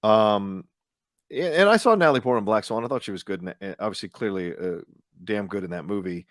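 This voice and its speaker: A man's voice: on the low side, expressive, fairly quick, no room sound, clean studio sound. A man co-hosting a podcast, weighing opinions in casual chat with frequent ums and uhs. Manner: thoughtful, gives ranked opinions with many fillers. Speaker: podcast co-host.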